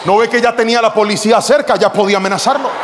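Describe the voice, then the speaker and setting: High-voiced pastor in a hall. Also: male voice, racing, a crowd in the background, background noise. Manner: animated storytelling, shouting and acting out quotes. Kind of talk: sermon with acted-out story.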